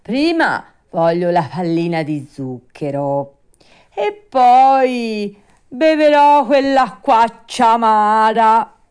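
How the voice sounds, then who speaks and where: A woman voicing a stubborn, whiny wooden puppet boy, shrill and wailing. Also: very animated, slow pace, darkish tone, clean tone.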